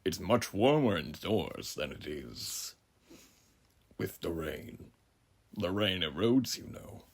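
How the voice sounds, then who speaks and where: A man playing a menacingly genial, philosophizing frontier judge in a horror audio roleplay, speaking grandly and theatrically with a gravelly voice. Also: low-pitched, big pitch swings, a little hiss or hum, full character voice. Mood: genial, sinister welcome, then musing, amused. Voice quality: gravelly, husky. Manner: grandiloquent, unhurried, theatrical, with dramatic pauses. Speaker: voice actor.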